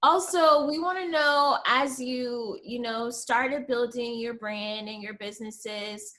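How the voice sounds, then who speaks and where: A woman's voice: a little high, takes it slowly, bright, forceful tone. A woman co-host asking questions and adding encouraging interjections.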